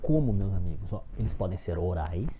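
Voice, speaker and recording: A man's voice: deep voice, lively intonation, fairly quick, phone-quality sound, a little hiss or hum. A man from Brazil teaching a recorded phonetics lesson, explaining step by step and calling his viewers friends as he stresses example words.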